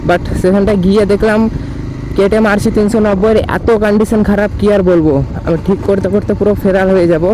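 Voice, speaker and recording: A man's voice: sits high, steady tone, quick pace, mellow. A young man with a West Bengal accent chats casually to vlog viewers from inside a helmet. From West Bengal, India. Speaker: motovlogger, host. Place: outdoors on a motorbike, inside a helmet. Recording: noisy outdoor road and vehicle sound.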